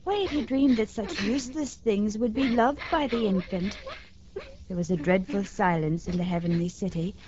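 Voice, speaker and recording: A woman reading a children's story aloud in a gentle, expressive way as host of a radio program, heard from an old broadcast disc recording. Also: mid-range voice, moderate pace, slight background noise. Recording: dull lo-fi 1950s radio transcription with music.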